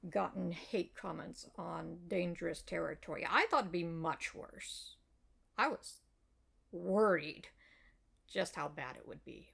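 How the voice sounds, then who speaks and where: Slow, gravelly American woman explaining. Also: fairly low pitch. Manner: measured, explanatory, with frequent fillers. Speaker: web fiction author. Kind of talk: reply video addressing a reader's comment.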